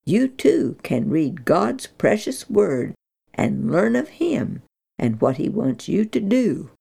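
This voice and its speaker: Woman storyteller for a children's Bible program, slow and expressive, with a lot of fry in the voice. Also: medium pitch. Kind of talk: scripted story narration.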